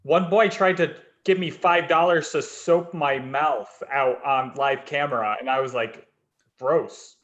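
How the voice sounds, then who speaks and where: A man's voice: fairly high pitch, steady tone, a little slow, a bit bright, muffled recording. A man improvising an earnest, prim caller who sounds mildly scandalized, in an online comedy show.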